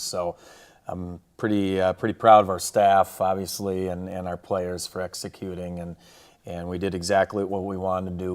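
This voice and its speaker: A football coach talks casually through a game and its highlights, leaning on colloquial coaching slang. His tone is darkish.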